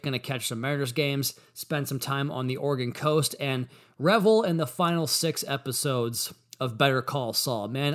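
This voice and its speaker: An American man hosts a sports podcast solo. His voice is a bit high for a man, and he talks in a sports-show monologue. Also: fairly bright tone.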